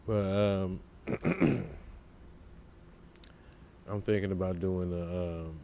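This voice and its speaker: Laid-back male podcast host with a deep voice, slow pace, and loose, filler-heavy talk. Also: creaky, dark tone, a little hiss or hum. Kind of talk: casual solo podcast talk.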